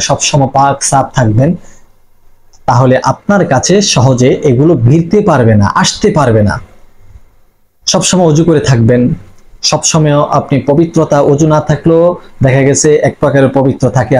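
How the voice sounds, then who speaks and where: Earnest man, fairly high voice. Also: a little mellow, rough recording. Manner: earnest, reassuring, repeats phrases for emphasis. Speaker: Islamic spiritual teacher. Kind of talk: devotional instruction to viewers.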